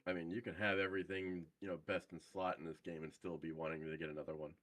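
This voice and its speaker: A young man chatting casually over group voice chat while gaming, hesitant and halting with lots of fillers. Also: low-pitched, little pitch movement, fairly bright tone, no room sound. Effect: heard over group voice chat.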